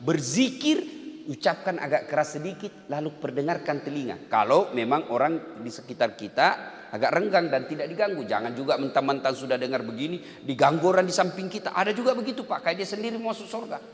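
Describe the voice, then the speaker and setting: A man preaching a sermon in an animated way, swinging between loud emphatic lines and soft, drawn-out chanting. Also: on the high side. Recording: echoey hall with long reverb.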